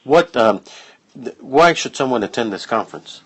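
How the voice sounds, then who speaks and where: A man's voice: medium pitch, animated, moderate pace, slightly rough. A man interviewing a guest casually in a phone interview, asking short conversational questions.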